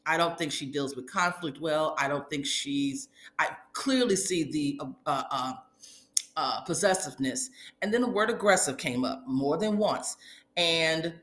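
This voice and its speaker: Bright-voiced woman, sassy recapper in echoey room. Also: lowish voice. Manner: animated retelling, acting out others' quoted remarks; colloquial, sassy asides. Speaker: host of a reality TV recap show. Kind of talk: casual opinionated commentary.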